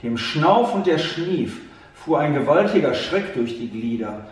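A man gently telling a fairy tale to a child, speaking to the listener directly, heard from a distant mic in an echoey room. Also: a little high, animated, measured pace. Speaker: storyteller.

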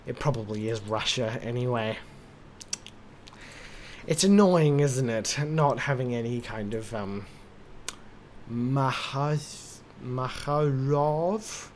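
A tipsy man drawls through a rambling game commentary, slow and unhurried, swearing and muttering to himself. His voice sits at an ordinary middle pitch, with a faint hum of room noise behind it. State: drunk. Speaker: gaming commentator.

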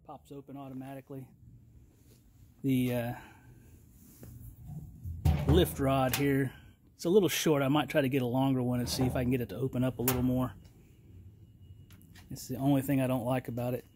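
A middle-aged man gives a plain, unhurried product review outdoors in his yard, talking to a handheld camera. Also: medium pitch, noisy background. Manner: plain, unhurried, folksy talk with fillers. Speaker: channel host reviewing a trailer tool box. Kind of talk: casual product review vlog. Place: outdoors in a yard beside a trailer.

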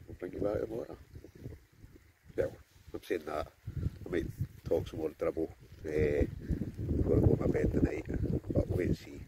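A Scottish vlogger in his forties, with a low voice, chats casually to a phone camera held at arm's length, both outdoors by a river and inside a tent. He rambles with plenty of fillers, and background noise can be heard.

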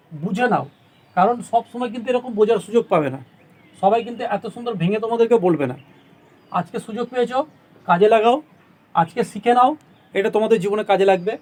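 Fast-talking high-voiced male teacher. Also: darkish tone. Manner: encouraging, motivational asides; drawn-out modelling of English words. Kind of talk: grammar lesson.

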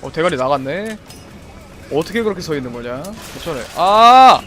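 A young man streaming a video game live, swearing a lot and shouting at the action on screen. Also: on the high side, animated, fairly quick, a little hiss or hum. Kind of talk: live gameplay commentary. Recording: game music behind. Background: faint game music.

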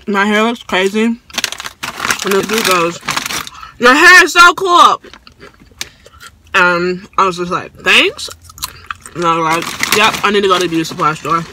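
A young woman chatting casually to her phone camera as a vlogger, telling stories with lively animation, from inside her car and while out shopping. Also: mid-range voice. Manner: chatty, animated storytelling with laughs. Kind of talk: casual vlog chat. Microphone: phone camera held close. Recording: noisy phone recording.

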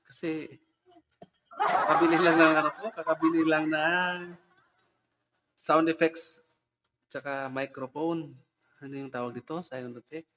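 Slow casual guy vlogging into a new condenser mic, chuckles a lot. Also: fairly high pitch, fairly even intonation, a bit bright, a little hiss or hum. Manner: chatty, giggly, trying out gear. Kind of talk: casual vlog chat. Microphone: condenser microphone.

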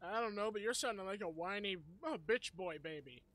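A woman streaming a video game with friends, excitable, laughing often and swearing casually. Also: medium pitch, fairly quick. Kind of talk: casual gameplay commentary.

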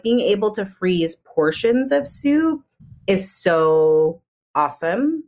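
A woman co-hosting a podcast in casual chat, upbeat and full of suggestions and questions. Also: lowish voice. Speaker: podcast co-host.

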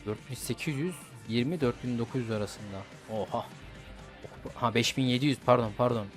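A man's voice: mid-range voice, fairly quick. Slangy young man commenting on a game. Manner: slangy, swearing at opponents, chatty. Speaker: gaming YouTuber. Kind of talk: casual gameplay commentary. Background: game music.

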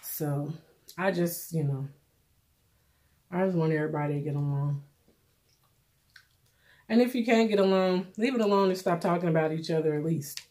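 Middle-aged woman chatting while eating, lowish voice. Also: dark tone. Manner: talks while eating, with pauses for bites; plainspoken, informal, repeats phrases for emphasis. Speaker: vlogger. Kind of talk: casual mukbang commentary chat.

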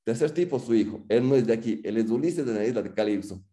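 A man's voice: medium pitch, expressive, quick pace, mellow, close to an everyday voice. A man voicing a stern female school director who talks in a blunt, dismissive way.

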